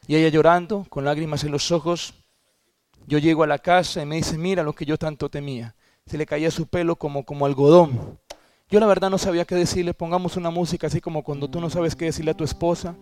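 A man preaches from the pulpit, his voice sitting a touch high for a man. He tells his testimony earnestly and stumbles over restarts now and then. The sound is close and dry, with no room behind it. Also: fairly even intonation, darkish tone, no echo. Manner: earnest storytelling, with halting restarts. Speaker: pastor. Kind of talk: sermon testimony.

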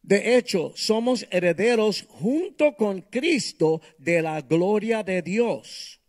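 High-pitched male preacher, emphatic short phrases. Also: lively intonation, slow, a little mellow. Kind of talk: live bilingual sermon and prayer, pausing for an interpreter.

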